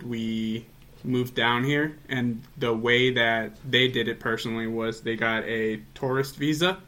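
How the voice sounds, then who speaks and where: A man from El Salvador answers interview questions about his family, speaking plainly and matter-of-factly. His voice is forceful and bright at a middle pitch.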